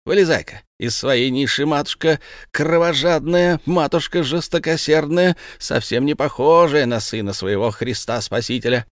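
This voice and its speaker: A man's voice: on the high side, normal speed, no echo, studio quality, voice pushed up, natural voice. A man voicing Satan in a storybook reading, a gloating male devil who taunts and mocks. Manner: taunting, sneering.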